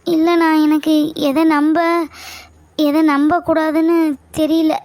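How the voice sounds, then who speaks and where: A woman's voice: high-pitched, level tone, a little slow, darkish tone, dry recording. A woman playing a hurt, tearful young woman in an amateur family skit, insisting she wants no more contact with her fiancé. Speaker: younger sister figure.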